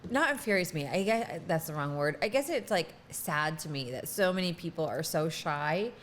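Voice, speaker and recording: A woman's voice: low voice, expressive, normal speed, slight background noise. A woman co-hosting a podcast, talking bluntly and frankly in casual chat. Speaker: podcast co-host.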